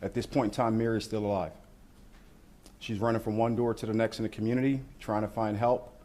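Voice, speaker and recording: Police guy doing a press briefing over footage, kinda low voice, measured and official. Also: little pitch movement, warm tone. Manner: measured, procedural, official wording. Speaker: law enforcement official briefing reporters. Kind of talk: news briefing commentary on footage.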